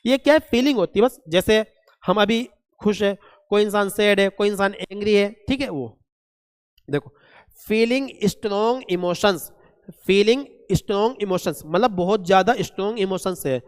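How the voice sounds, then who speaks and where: A man teaching a classroom vocabulary lesson, asking questions and answering them himself, spelling words letter by letter and reading English examples very slowly. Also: high voice, clean tone, in a large hall. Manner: asks and answers his own questions, calls students "beta".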